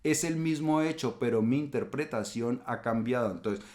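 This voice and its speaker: A middle-aged man calmly explaining ideas in a reflective talk, now and then acting out quoted remarks. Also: mid-range voice, normal speed. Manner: calm explanatory, acts out quoted insults. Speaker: channel host.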